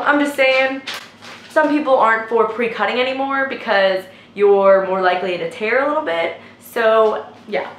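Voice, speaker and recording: A young woman, a nursing student, telling a story casually in a chatty, animated way with lots of filler words. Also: a little high. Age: young adult. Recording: echoey room with faint noise.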